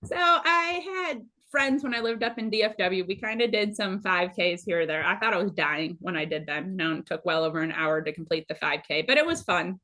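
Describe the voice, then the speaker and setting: A woman's voice: on the low side, expressive, fairly quick, hardly any pauses, bright, forceful tone. A woman in her late thirties from Minnesota, a guest telling her running story in a bubbly, self-deprecating way. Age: 30s. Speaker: guest runner. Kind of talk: casual interview storytelling.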